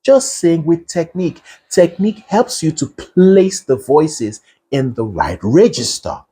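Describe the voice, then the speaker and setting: Slow, patient male vocal coach. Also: fairly high pitch, sing-song, mellow, husky. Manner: patient, checks in with "right?" and "okay?". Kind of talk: singing lesson explanation.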